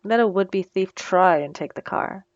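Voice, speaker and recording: A woman voices a wry, menacing supervillain mentoring a captive assistant in a scripted audio roleplay, teasing and condescending while making cool threats. Her voice is natural and mid-range, delivered a little slowly. The recording is dry and lo-fi.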